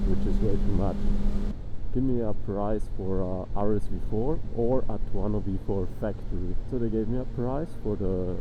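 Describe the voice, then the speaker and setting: A young man casually vlogging from inside a motorcycle helmet while riding. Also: fairly low pitch. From Europe. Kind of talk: casual motovlog monologue. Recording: noisy helmet mic, road and engine noise.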